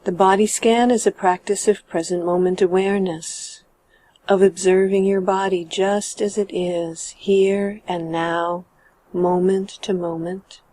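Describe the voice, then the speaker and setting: A woman narrates a guided meditation in a soft, mellow, medium-pitched voice. She is calm and measured, with gentle phrasing and sentences that trail off at the end.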